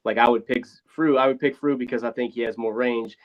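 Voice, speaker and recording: A man talking casually on a podcast, rambling and frank with the odd swear, his voice thin and boxy with no bass, like he is in a phone booth. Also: steady tone, a little fast. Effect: thin boxy sound with no bass, like a phone booth. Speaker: podcast co-host. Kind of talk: casual sports chat. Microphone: failing wireless earbuds over a remote call. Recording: thin lo-fi earbud mic.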